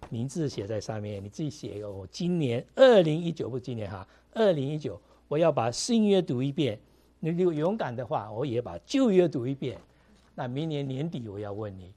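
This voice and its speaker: Preaching conversationally to his congregation, this middle-aged pastor uses lots of fillers and slips in English words. His voice is medium-pitched and warm, with a breathy edge.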